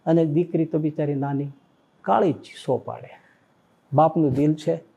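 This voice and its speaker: A man, a swami, giving a devotional sermon that he tells as a story, with animated and emotional exclamations. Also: fairly high pitch, normal speed, creaky, husky. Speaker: swami preaching.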